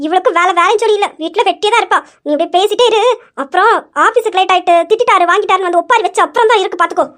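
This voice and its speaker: This is a scolding old grandmother who fusses and nags without letup, as a woman puts her on. The voice sits very high and thin, and it sounds like a homemade family skit. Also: very fast, a bit bright. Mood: nagging. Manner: nagging, fussing. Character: scolding grandmother, older woman, sharp-tongued.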